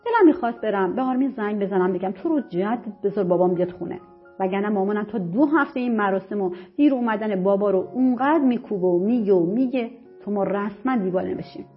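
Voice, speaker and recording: A woman narrating an audiobook story in the first person, lively and conversational. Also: mid-range voice. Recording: muffled lo-fi recording with faint music. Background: faint music.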